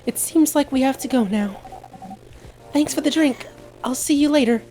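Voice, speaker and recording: A woman's voice: sits high, normal speed, warm tone, faint music behind, pitched above the performer's own voice, natural voice, low-quality recording. A woman voicing a chatty, friendly young woman who visits a cafe, reading video game dialogue aloud.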